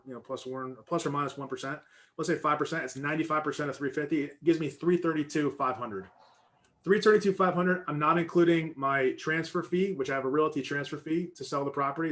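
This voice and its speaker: Fast-talking man explaining numbers. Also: a little high, a bit bright. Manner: quick, conversational, thinking aloud with restarts. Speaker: real estate investor presenting to a group. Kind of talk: informal teaching talk with worked numbers.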